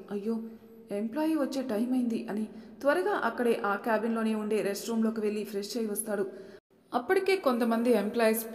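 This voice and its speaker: A woman tells an audiobook story in a plain, steady way with a fairly high voice. The reading bounces around an echoey room, and each phrase leaves a long reverb behind it. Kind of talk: audiobook narration.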